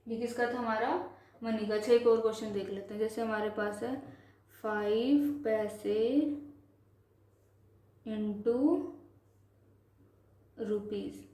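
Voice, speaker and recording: A woman teaching a basic math lesson, patient and repetitive, slowing down to spell out numbers one by one. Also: a little high, darkish tone. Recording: echoey room.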